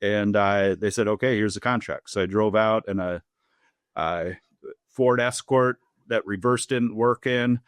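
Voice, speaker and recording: A man's voice: lowish voice, fairly even intonation, measured pace, smooth, dry recording. A man in his fifties from Minnesota with a Minnesotan accent, a school superintendent chatting easily as an interview guest, joking and often restarting his sentences. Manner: easygoing and joking, with frequent restarts. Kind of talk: casual interview chat.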